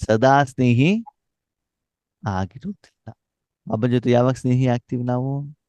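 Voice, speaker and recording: A man's voice: mid-range voice, fairly even intonation, measured pace, a little mellow, clean tone, dry recording. A man giving a spiritual class, asking questions for the audience to finish and mixing in Hindi phrases. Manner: asks questions for the audience to complete; mixes Hindi phrases into his talk. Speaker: spiritual teacher.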